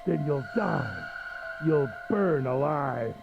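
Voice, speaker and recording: A woman's voice: deep voice, lively intonation, slow pace, gravelly, highs cut off, over music, voice pushed down, exaggerated voice. A woman voicing a smug, cruel middle-aged man villain in a pompous, mocking way while reading a visual novel aloud. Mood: menacing.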